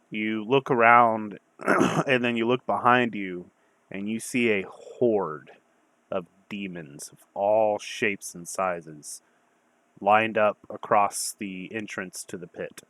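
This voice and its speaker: A man narrates a tabletop game as its game master. His voice is fairly low and forceful, recorded dry and close. He describes scenes informally, halting as he improvises. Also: no echo.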